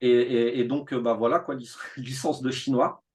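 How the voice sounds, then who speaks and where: A man in his thirties, a teacher telling his school story in a relaxed interview, animated and full of fillers and restarts. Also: medium pitch, moderate pace. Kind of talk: casual conversational interview.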